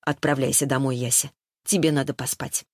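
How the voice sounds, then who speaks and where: A woman's voice: a bass voice, fairly even intonation, fairly quick, no room sound. A stern, composed middle-aged mother who talks in a firm, matter-of-fact way, as a woman reading the book puts her on. The sound is dry and close. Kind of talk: audiobook character voice.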